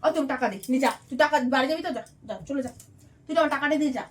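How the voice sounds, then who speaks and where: A woman's voice: high-pitched, very fast. A woman playing a bossy employer in a staged home skit, harsh and scolding as she orders her maid around.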